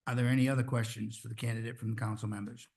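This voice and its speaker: Brisk, friendly man chairing a council meeting. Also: mid-range voice, flat delivery, creaky, a little mellow. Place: town council chamber.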